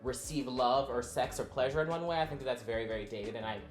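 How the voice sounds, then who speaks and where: Guy guest chatting casually, medium pitch, music clearly playing behind, roomy sound. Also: quick pace. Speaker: actor guest on the show. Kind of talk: casual chat.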